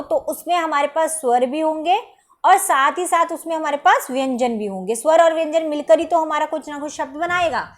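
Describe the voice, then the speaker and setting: High-pitched female teacher giving a step-by-step exam-prep lecture, checks in with "ठीक है?" after each point. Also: fairly bright tone. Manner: explains step by step, asks and answers her own questions, says "ठीक है?" often.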